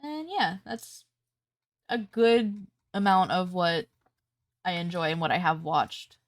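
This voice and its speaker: A woman streamer chatting casually on a live stream, her voice stuffy and congested, relaxed and rambling with many fillers. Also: lowish voice, slow, no echo, clean studio sound.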